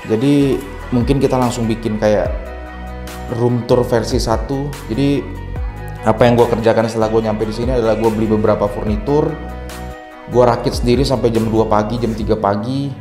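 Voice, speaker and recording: A man's voice: fairly low pitch, fairly even intonation, normal speed, pauses often. A tired man vlogging casually in a bare room with a strong echo, chatting to his viewers as friends. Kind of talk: casual vlog chat, room tour. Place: bare, echoey new rented house, indoors. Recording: echoey bare room, faint music.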